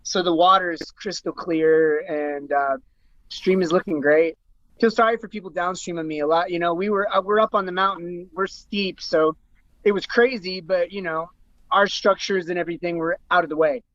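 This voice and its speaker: Man, high voice, reflective, rambling, casual group call, dry muffled audio. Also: steady tone, moderate pace, a bit bright, no room sound. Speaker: breathwork session co-host. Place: home on a mountain by a stream.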